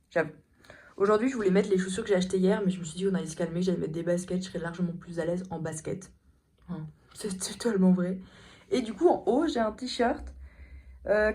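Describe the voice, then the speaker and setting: A woman's voice: medium pitch, warm tone. A young woman vlogging in casual, rambling chat, laughing often, with a starting cold. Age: young adult. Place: hotel room. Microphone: phone camera.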